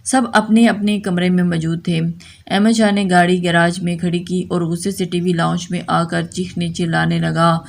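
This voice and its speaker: A woman narrating a romantic novel in a steady, plain reading voice. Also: lowish voice, creaky. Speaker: audiobook narrator.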